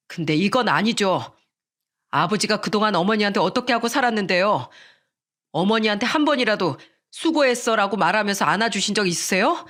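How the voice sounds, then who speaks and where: A woman's voice: mid-range voice, fairly bright tone, lightly acted. A woman voicing an eldest son who earnestly pleads with and reproaches his father in a narrated radio story.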